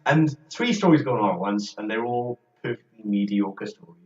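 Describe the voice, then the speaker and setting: A man's voice: on the low side, lively intonation, normal speed, darkish tone. Man rambling on a roomy lo-fi podcast. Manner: rambling, hesitant, laughs often. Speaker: podcast co-host. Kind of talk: casual chat. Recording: roomy, distant, dull lo-fi sound.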